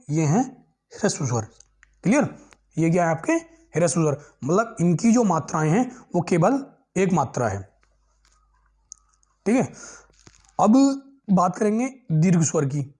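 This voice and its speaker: A man's voice: on the high side, darkish tone. A male teacher giving an exam-prep grammar lesson, asking questions and answering them himself, repeating key terms and checking that students follow.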